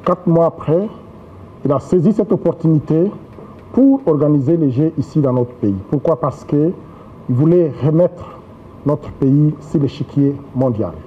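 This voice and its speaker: A man being interviewed for the news, explaining in a measured way. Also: on the high side, expressive. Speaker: official interviewed in a news piece. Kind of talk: interview statement. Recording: phone-like thin sound with faint noise.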